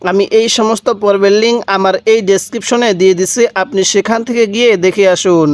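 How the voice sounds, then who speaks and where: High-voiced man teaching Quran reading. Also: fairly even intonation, clear, resonant tone, dry recording. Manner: spells out letters slowly and repeats them. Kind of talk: step-by-step recitation lesson.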